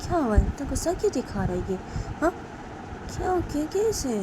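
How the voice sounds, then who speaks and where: A woman's voice: high voice, big pitch swings, fairly quick, pitched above the performer's own voice. A woman voicing a gossipy young female friend who rambles in a conspiratorial way. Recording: noisy background with passing vehicles.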